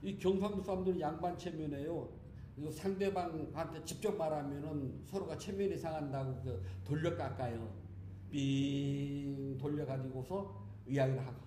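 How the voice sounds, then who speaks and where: A male monk delivers a relaxed dharma talk in a warm, slightly higher-than-usual voice. He is chatty and joking and speaks straight to the congregation. The sound rings around a roomy temple hall over a faint hiss. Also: moderate pace. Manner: chatty and humorous, speaking to listeners directly. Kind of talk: conversational sermon. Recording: echoey hall with faint background noise.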